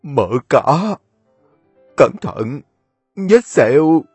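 A man's voice: fairly high pitch, sing-song, extremely slow, darkish tone, husky, no room sound, faint music behind, pitched above the performer's own voice, exaggerated voice. Man doing a gasping dying old grandfather. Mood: desperate. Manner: faint, gasping, broken words.

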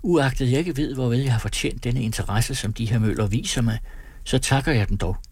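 A man's voice: mid-range voice, a little mellow, slightly rough, no echo. A man voicing a proud but hurt young woman in a storybook, speaking in a trembling, pleading way. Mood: coolly proud.

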